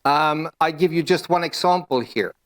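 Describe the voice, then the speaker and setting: Man, Swedish accent, middle-aged, conference talk, halting, filler-heavy. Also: a little high. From Sweden. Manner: hesitant, many fillers and restarts. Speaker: panel speaker. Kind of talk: conference presentation.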